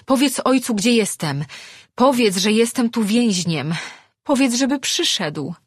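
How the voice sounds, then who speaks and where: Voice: mid-range voice, animated, measured pace, breathy edge, no room sound, clean studio sound, pitched above the performer's own voice. A reader voicing a frightened, defiant young daughter of a sea king, pleading and crying out. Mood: shouting defiant. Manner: pleading, then shouting.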